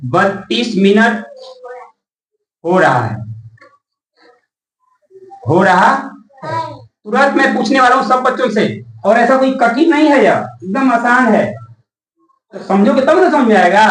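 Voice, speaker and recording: A man teaching a class, constantly asking questions back and spelling words out slowly. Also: very high voice, very animated, a bit bright, a little hiss or hum. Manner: asks the class rhetorical questions and repeats answers; spells words letter by letter slowly, calls out key words. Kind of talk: classroom lesson. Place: classroom with students. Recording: echoey room, voice from far off the mic.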